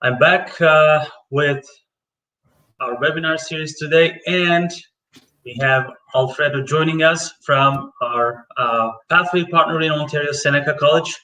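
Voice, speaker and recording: A man's voice: fairly high pitch, a little slow, sharp tone. A man hosting a live webinar as program manager, friendly and hesitant, with many fillers. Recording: roomy distant webinar audio.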